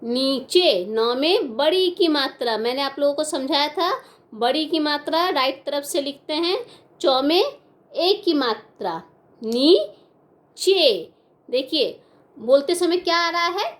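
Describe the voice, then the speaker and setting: Woman teacher talking slow and high to little kids, spells every word out again and again. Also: expressive. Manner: patient, repeats each word and its letters slowly for young children. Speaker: primary school teacher. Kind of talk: online class lesson, slow dictation of spellings.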